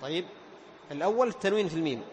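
High-voiced man teaching Quran recitation. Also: expressive, slight background noise. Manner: explains rules, then chants verses slowly and drawn out; quizzes students and praises answers. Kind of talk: tajweed lesson with recited examples.

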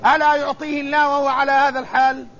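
Male preacher, very high voice, slow and solemn sermon delivery, dull lo-fi recording with faint hiss. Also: flat delivery, a bit bright. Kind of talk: religious sermon.

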